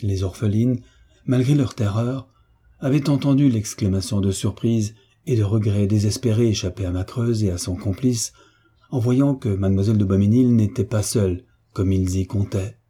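Man, audiobook narration, husky, low-pitched, measured. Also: dark tone. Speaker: audiobook reader. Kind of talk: scripted narration.

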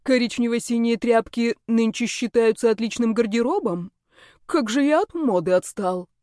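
A woman voicing a pushy, fashion-obsessed male snake creature who bosses and teases loudly. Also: fairly high pitch, normal speed, dry recording, studio quality, lightly acted. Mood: mocking. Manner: bossy, shouting, teasing.

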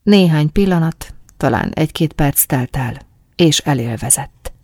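A woman reading a first-person story aloud as an audiobook, in a calm, soft, intimate manner. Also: low-pitched, no echo, studio quality. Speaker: audiobook narrator. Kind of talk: first-person scripted narration of an erotic story.

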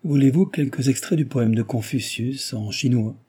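A man voicing a joking, quick-witted young male fiancé in an audiobook, in a playful, teasing tone. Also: mid-range voice, mellow, slightly rough, natural voice.

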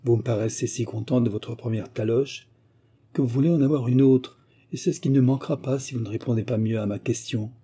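A man reading the part of an impatient gentleman who curtly presses his servant, for an audiobook. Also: medium pitch, steady tone, fairly quick, breathy edge, natural voice. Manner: curt, commanding. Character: impatient middle-aged gentleman, stern master.

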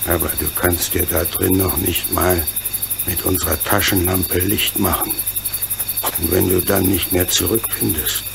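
A man's voice: sits low, flat delivery, unhurried, gravelly, full character voice. A man playing a burly, kindly, fatherly locomotive engineer in a German radio play, earnest and comradely in manner. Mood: grave, worried. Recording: noisy recording with cricket chirps behind. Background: chirping crickets, night ambience.

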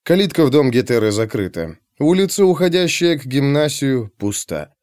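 A man narrating an audiobook in a scripted, expressive, dramatic storytelling manner. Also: medium pitch, normal speed, no echo, clean studio sound.

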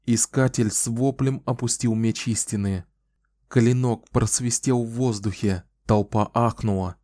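A man reading an audiobook as narrator, with measured storytelling. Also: mid-range voice, fairly even intonation, warm tone, dry recording, studio quality. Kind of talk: scripted narration.

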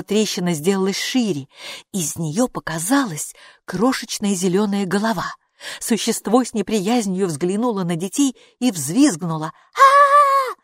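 A woman narrating a children's story aloud in an animated, expressive way. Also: mid-range voice, normal speed, no echo, studio quality. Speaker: audiobook narrator.

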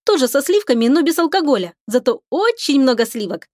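A woman's voice: sits high, very animated, a little fast, darkish tone, no echo, studio quality, pitched above the performer's own voice. A woman voicing a bubbly, eager young female sailor on a starship, with a playful, sing-song delivery.

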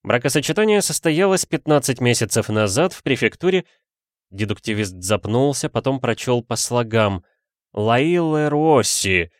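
A man's voice: medium pitch, expressive, normal speed, no echo. Male audiobook narrator, dry and close. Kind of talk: scripted narration.

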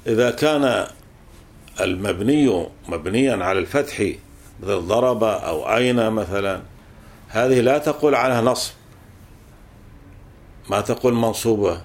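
A man's voice: on the low side, normal speed, pauses often. A man teaching a classical grammar text, explaining patiently and repeating points with fillers.

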